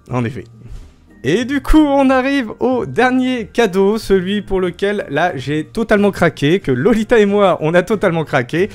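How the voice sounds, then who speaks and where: A man's voice: fairly high pitch, darkish tone. A young man chatting casually in a vlog from his home studio, full of fillers and self-mocking laughs. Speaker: YouTuber showing his Christmas gifts.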